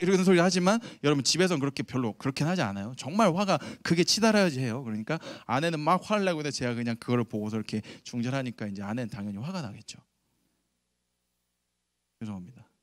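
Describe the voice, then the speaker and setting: A man in his thirties preaching a lively sermon to middle schoolers, telling a family story and asking the audience questions. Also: on the high side, no echo, studio quality. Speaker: youth pastor. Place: church sanctuary.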